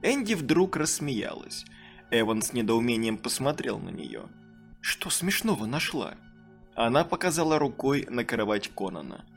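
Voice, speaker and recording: An audiobook narrator reading a children's horror story and acting out the characters' lines in a raised, excited voice. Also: mid-range voice, normal speed, creaky, faint music behind.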